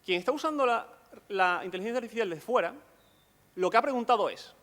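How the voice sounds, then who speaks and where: A man's voice: high-pitched, lively intonation, fast talker, a bit bright, big-room sound. A man giving a conference lecture, explaining step by step and often checking in with rhetorical questions.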